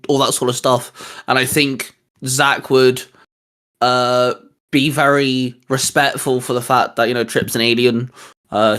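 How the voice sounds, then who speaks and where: The host of a fan discussion show speaks in a mid-range, slightly bright male voice. After a scripted introduction, he shifts to casual fan talk, keeping an enthusiastic and emphatic presenting style throughout.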